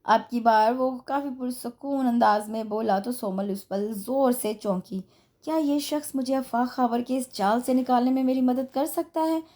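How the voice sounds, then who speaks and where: A woman narrating a romance novel with steady, expressive storytelling. Her voice sits a little on the high side. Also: moderate pace. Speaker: audiobook reader. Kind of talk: novel reading.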